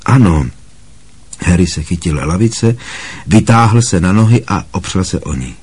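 A man narrating a novel aloud as an audiobook in steady storytelling, with a husky voice. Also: low-pitched. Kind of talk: scripted narration.

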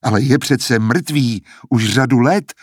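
A man's voice: mid-range voice, slightly rough, dry recording, clean studio sound, lightly acted. A man voicing a desperate, cornered young male student in an audiobook, stammering and pleading.

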